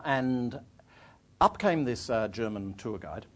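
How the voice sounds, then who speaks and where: Male raconteur for a live talk: animated, self-mocking, loose and digressive. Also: mid-range voice, takes it slowly. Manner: self-deprecating, rambling with fillers. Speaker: storyteller speaking to an audience. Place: in front of a live audience.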